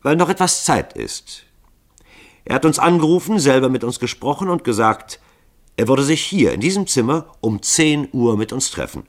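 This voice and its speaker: A man reading a calm courteous scholar. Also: medium pitch, normal speed, voice pushed up. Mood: explaining.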